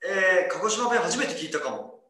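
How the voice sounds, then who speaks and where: Lively high-voiced man in an echoey room. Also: moderate pace. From Kagoshima, Japan. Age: 30s. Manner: lively, laughs often, jokes at himself. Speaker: club ambassador host. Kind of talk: casual livestream chat reading viewer comments.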